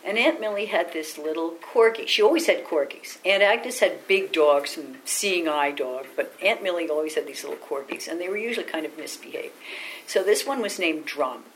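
An older woman with a fairly low voice recounts family stories for an interview, animated and anecdotal. She slips into little voices for the people she quotes. Faint background noise sits under her voice. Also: moderate pace, poor audio. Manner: warm, lively anecdotes with quoted voices and laughter. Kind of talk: oral history storytelling.

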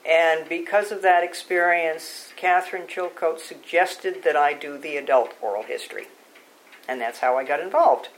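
An older woman being interviewed for an oral history, recollecting in measured, halting short phrases. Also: deep voice, rough recording.

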